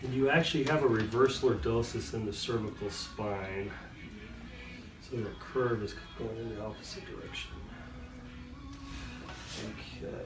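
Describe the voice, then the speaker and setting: A man working as a chiropractor, calmly and soothingly guiding a patient through hands-on treatment in short, gentle instructions. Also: fairly low pitch, normal speed, pauses often. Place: indoor treatment room. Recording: echoey room, distant mic, music underneath. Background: music.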